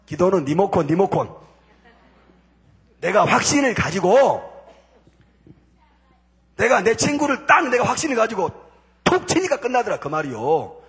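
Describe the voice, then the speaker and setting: Very husky high-voiced man testifying. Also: very animated, normal speed, long pauses, fairly bright tone. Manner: emphatic storytelling, punchy repeated intensifiers. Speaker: church deacon giving testimony. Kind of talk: spoken testimony from a church pulpit. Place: church sanctuary before a congregation.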